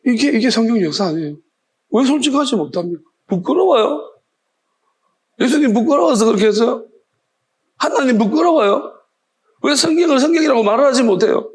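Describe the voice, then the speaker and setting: A man's voice: very high voice, expressive, fast talker, breathy edge. A male pastor preaching a sermon, firing off challenging rhetorical questions in a scolding tone.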